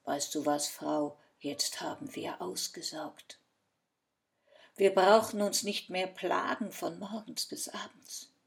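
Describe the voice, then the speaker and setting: A woman voicing a greedy, sly innkeeper who talks loudly with false hospitality. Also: lowish voice, slow pace, gravelly. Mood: scheming.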